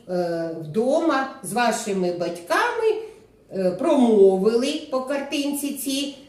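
Ukrainian-accented woman, kindergarten teacher, slow sing-song lesson voice, heard far off in a very echoey room. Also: on the high side, a little mellow. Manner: slow, clear syllable-by-syllable speech for children. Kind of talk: recorded literacy lesson for preschoolers.

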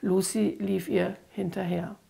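A woman, an author, reading her own dark story aloud in a slow, dramatic storytelling manner. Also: medium pitch, fairly even intonation, gravelly, slight background noise. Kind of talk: audiobook-style reading.

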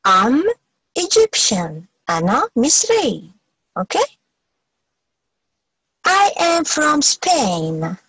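A woman teaching an English lesson, saying each phrase slowly and clearly, repeating it, then giving the translation. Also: high voice, wildly swooping pitch, a bit bright, dry recording, low-quality recording. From Algeria. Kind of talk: bilingual English lesson, slow model phrases.

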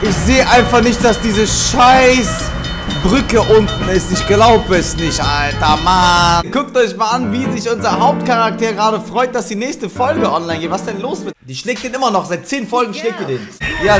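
A twenty-something gaming YouTuber swears and fumes while playing and commenting for his viewers, his voice high and animated at a moderate pace. The recording, made in a small home room on a studio mic on an arm with headphones, has loud game music behind him.

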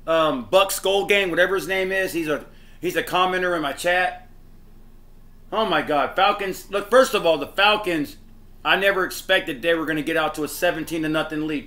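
A man hosting a sports fan channel, delivering a frustrated reaction rant that swings from muttering to shouting. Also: a little high.

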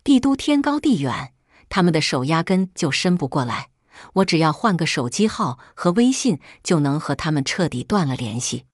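A woman's voice: lowish voice, lively intonation, normal speed, darkish tone, breathy edge, dry recording, clean studio sound. A woman voicing a scheming middle-aged mother who coaxes and pleads with her daughter. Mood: flustered. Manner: coaxing, pleading.

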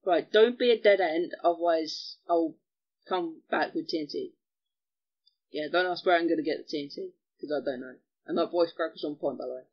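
A man giving chatty gameplay commentary as host of a gaming channel, excitable and given to mild cursing. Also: on the high side, normal speed, lo-fi sound.

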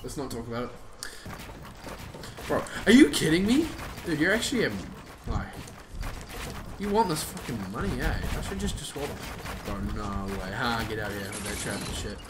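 A young man hosting a gaming video with excited, sweary, exclamatory casual commentary on his play. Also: mid-range voice, moderate pace, pauses often, very noisy. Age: young adult. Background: loud music.

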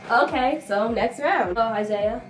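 A woman's voice: a little high, a little slow, soft background music. A woman hosting a casual family game on a home vlog, chatty and giggly as she reads out game cards. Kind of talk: casual chat. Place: echoey room indoors. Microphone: phone camera from across the room. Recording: echoey room, distant phone mic.

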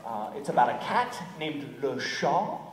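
Animated male storyteller, live folktale; distant mic, reverberant hall. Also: mid-range voice, unhurried. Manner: animated, coaxes audience to repeat words, drops to whispers. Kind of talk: live folktale telling to an audience. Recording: echoey hall from far off, noisy.

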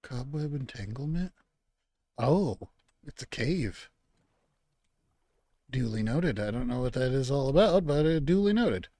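A man's voice: mid-range voice, animated, measured pace, pauses often, warm tone, no room sound. A man hosting his own gaming channel, chatting easily and rambling to himself as he plays. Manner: easygoing, rambling, talks to himself about the game; mock-outraged scolding at game animals. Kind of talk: relaxed let's-play commentary.

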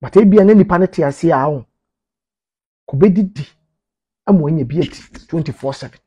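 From a small indoor office, a media commentator in his thirties with a Ghanaian accent gives informal commentary to camera, stressing points by repeating phrases. His slightly rough voice is on the high side and fairly quick, and the audio sounds dull.

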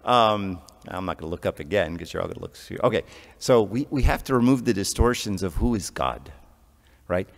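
A man's voice: sits low, lively intonation, a little fast, gravelly. A man, an archdeacon, preaching a conversational sermon to a congregation, often checking in with "right?". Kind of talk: sermon to a parish audience. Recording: long hall reverb.

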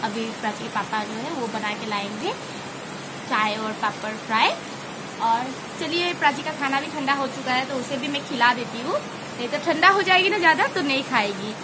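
A woman's voice: sits high, normal speed, heavy background noise. A woman chatting casually as a mother vlogging at home, laughing often with many fillers. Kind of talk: casual home vlog chat. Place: home indoors, rain outside.

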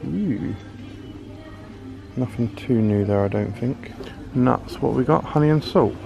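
A man's mid-range, creaky voice comes at a measured pace as this British food vlogger casually narrates his shopping trip, curious about items on the shelves. He's indoors in the aisles of a large supermarket, from the United Kingdom. The highs are cut off and music plays in the background.

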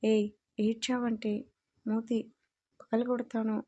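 A woman's voice: on the high side, flat delivery, slow pace, mellow, muffled recording. Woman voicing a stern young husband. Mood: angry. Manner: demanding, scolding questions.

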